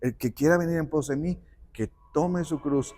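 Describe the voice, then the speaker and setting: A man telling a saint's life in conversation, acting out the quoted dialogue with lively shifts. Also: a little high, moderate pace. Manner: animated, acts out quoted dialogue. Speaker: guest speaker on the parish patron saint. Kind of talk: conversational storytelling.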